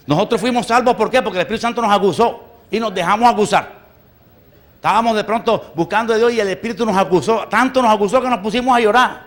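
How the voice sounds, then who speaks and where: Brief: male pastor, somewhat high voice, emphatic sermon delivery that swings loud and quiet, with frequent bursts of praise.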